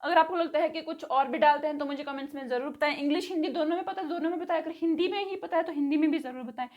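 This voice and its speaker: A woman with a high, light voice gives a casual vocabulary lesson. She repeats each word slowly and spells it out letter by letter. She checks in with a quick "okay" after nearly every item. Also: dull audio. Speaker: spoken English teacher.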